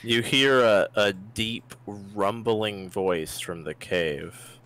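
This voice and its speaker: A man's voice: lowish voice, extremely slow, fairly bright tone, rough recording. A man narrating a tabletop fantasy game as game master, in an informal spoken style.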